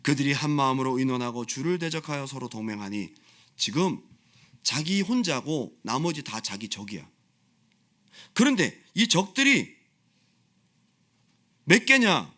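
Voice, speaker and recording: A male pastor preaching a sermon in a church, impassioned and repeating phrases for emphasis, swinging between loud pleading and quiet explanation. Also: mid-range voice, big pitch swings, measured pace, long pauses. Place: church sanctuary.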